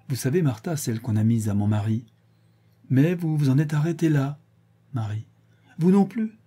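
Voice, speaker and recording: A man reading an audiobook, voicing a stern, shrewd woman who questions her servants in a measured, deliberate way. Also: medium pitch, warm tone, breathy edge.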